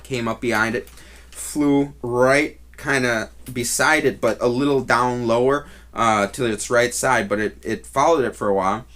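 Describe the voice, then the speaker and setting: A man telling a first-hand story in a casual vlog style, talking in a rambling, halting way that often restarts. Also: mid-range voice, a bit bright. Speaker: vlogger.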